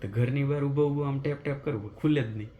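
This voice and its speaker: A man's voice: medium pitch, fast talker, phone-quality sound, slight background noise. Chatty man vlogging. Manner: animated retelling of a mishap, chatty and conversational. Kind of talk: casual vlog storytelling. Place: apartment at night.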